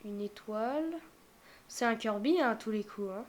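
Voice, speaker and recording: A young woman casually reacting out loud to a game showcase, thinking aloud with many fillers and now and then dropping to a whisper. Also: on the high side, lively intonation, moderate pace, slight background noise. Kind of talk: casual live reaction commentary.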